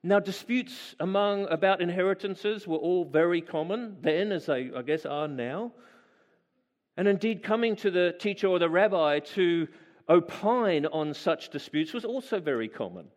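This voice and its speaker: A man with a fairly high voice preaches a sermon at a normal pace, with a long reverb tail trailing his words. He reads a passage of scripture aloud and then reflects on it in a relaxed, musing manner, putting questions to his listeners along the way.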